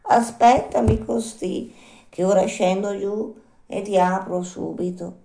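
A woman voicing an unhurried female snail, calm and phlegmatic, drawing out her words slowly. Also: mid-range voice, creaky, pitched above the performer's own voice. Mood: placid. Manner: slow drawn-out calm speech. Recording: roomy echo.

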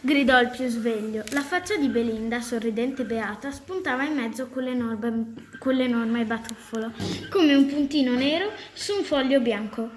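A woman narrating a children's story with a clear, expressive reading manner. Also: a little high, normal speed. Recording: echoey room with faint noise.

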